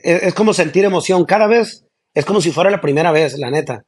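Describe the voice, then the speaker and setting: A singer chatting as a guest in an interview, relaxed and laughing easily, with slangy talk. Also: male voice, a little high, fast talker, husky. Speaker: singer of a regional band, guest. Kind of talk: casual interview chat.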